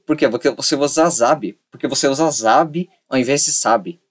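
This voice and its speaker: A man's voice: mid-range voice, moderate pace, husky. Playful man explaining a lesson. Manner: repetitive, playful, acts out little dialogues. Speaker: online tutor.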